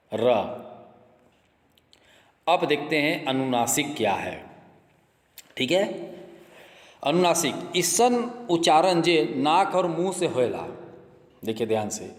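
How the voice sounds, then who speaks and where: A man's voice: fairly high pitch, big pitch swings, takes it slowly, pauses often. Man teaching grammar in an echoey room. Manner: repetitive, checks in with "ठीक है" and "देखिए". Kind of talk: exam-prep grammar lesson. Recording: echoey room with long reverb.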